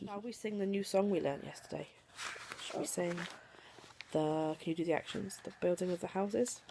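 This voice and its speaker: A young woman, a mother, reads picture books aloud to her little daughter, coaxing her gently between pages. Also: fairly low pitch, moderate pace, background noise. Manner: animated storytelling voice, coaxing and gentle with her child.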